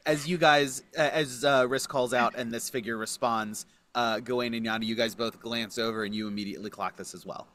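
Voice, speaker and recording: A man running a tabletop role-play game as game master, describing scenes with many pauses and restarts. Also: mid-range voice, steady tone, fairly bright tone. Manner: unhurried, many fillers and restarts.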